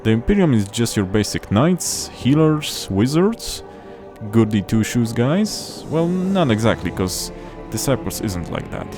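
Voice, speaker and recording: Over music, a young Polish-speaking man hosts a strategy-game playthrough on his gaming channel, offering casual commentary in a very animated, medium-pitched voice. He talks a little slowly and often restarts his phrases as he explains.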